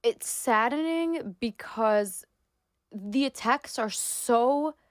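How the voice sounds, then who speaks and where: A woman's voice: fairly high pitch, lively intonation, drawn-out words, dry recording, studio quality. A woman in her twenties, from New York, speaking as an interview guest in an emphatic, opinionated way with lots of "like" fillers. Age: 20s. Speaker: guest, sports reporter and influencer. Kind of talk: casual interview talk.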